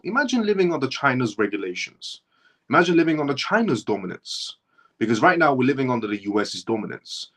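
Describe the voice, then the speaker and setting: This husky, medium-pitched man from Iran is hosting a livestream and speaking passionately about his opinions. Repetition hammers his points home, and he frequently breaks off and restarts partway through a phrase.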